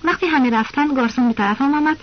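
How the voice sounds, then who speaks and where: A woman narrating a novel as an audiobook, telling it in a steady, plain first-person voice. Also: sits high, muffled recording, a little hiss or hum.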